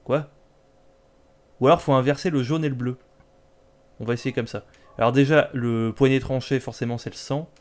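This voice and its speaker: A man's voice: medium pitch, fairly even intonation, normal speed, long pauses. A man giving casual, joking commentary while playing a video game, talking back to it sarcastically. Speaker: let's play host.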